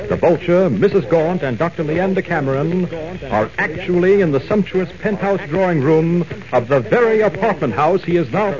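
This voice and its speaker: A man delivers dramatic serial narration in 1940s radio style. His voice is fairly high, theatrical and full of suspense. The recording is old and muffled.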